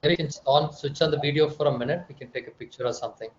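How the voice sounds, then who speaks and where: A man's voice: a little high, racing. A man, casually chatting as a co-host on an online call. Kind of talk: casual chat. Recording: dull, faintly noisy call audio.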